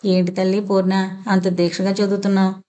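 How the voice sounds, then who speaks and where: Soft-spoken loving father in an audio novel, a woman reading. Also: medium pitch, monotone, fairly quick, natural voice. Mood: tender. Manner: soft and affectionate. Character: gentle loving middle-aged father.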